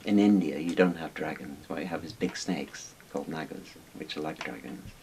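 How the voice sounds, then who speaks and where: Speaking at a normal speed in a very deep voice, this older man from Wales gives a casual explanation as an interviewed expert on Chinese dragons. He sits indoors in a small book-lined room, and the audio carries a hiss.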